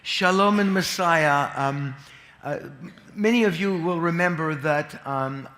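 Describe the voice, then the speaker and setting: A man speaking at a conference, telling a long joke with lively swings and frequent restarts. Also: fairly high pitch, slow. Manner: animated storyteller, frequent restarts. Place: large conference hall. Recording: echoey conference hall.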